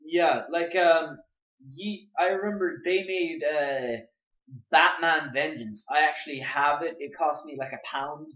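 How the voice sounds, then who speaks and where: A young man co-hosts a casual gaming podcast, rambling with plenty of fillers like "like" and jumping up and down in pitch. He speaks unhurriedly with a sharp tone. The recording sounds lo-fi and muffled, captured in an echoey room.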